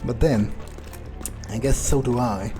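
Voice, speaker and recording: Faint game music plays as a man stays in character while commentating a playthrough, musing dryly and casually to himself. His voice is mid-range and a little slow.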